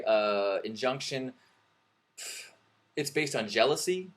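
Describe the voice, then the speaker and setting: A man hosting a live webcam stream, chatting casually in a rambling, joking way, often restarting his sentences. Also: mid-range voice. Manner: rambling, joking, self-correcting. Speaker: livestream host. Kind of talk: casual livestream chat.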